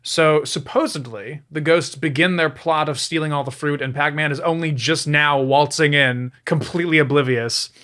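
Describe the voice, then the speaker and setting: Guy doing a snarky record review, bright forceful voice, a bit high. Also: fairly even intonation, normal speed, hardly any pauses. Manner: sarcastic, exasperated asides. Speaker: reviewer, video host. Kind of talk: comedic review commentary.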